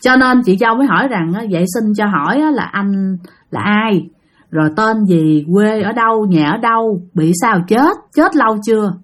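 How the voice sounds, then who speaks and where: A woman's voice: medium pitch, lively intonation, normal speed. A woman telling a ghost story in a chatty, repetitive way, talking straight to her listeners. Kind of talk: casual spoken ghost story told to listeners.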